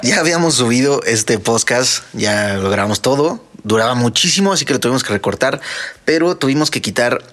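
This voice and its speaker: Mexican male podcast host, relaxed slangy talker, average pitch. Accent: Mexican Spanish. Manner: chatty, slangy, quick asides. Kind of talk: casual chat.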